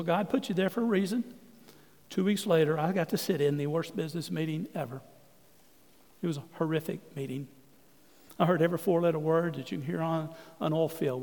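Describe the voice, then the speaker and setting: Casting: preacher, gravelly, raised pitch, folksy storyteller, sanctuary reverb. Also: male voice, darkish tone. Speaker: pastor. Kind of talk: storytelling sermon. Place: church sanctuary. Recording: long hall reverb.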